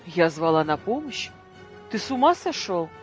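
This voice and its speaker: A reader voicing a cold, stern mother who speaks in a sharp, commanding and scornful way. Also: mid-range voice, very animated, moderate pace, faint music behind, close to an everyday voice. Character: cold, stern mother losing her temper.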